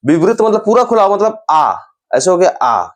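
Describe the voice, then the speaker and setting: Man, teacher lecturing, animated intonation, repeats each sound slowly. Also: high voice. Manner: explains slowly, repeats sounds and terms, often says "dekhiye". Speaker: Hindi grammar teacher. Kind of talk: classroom-style lecture.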